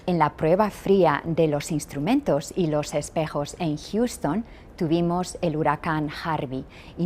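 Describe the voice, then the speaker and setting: Low-voiced woman interviewer, faint noise. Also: darkish tone. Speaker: interviewer and mission engineer. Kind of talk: hosted interview.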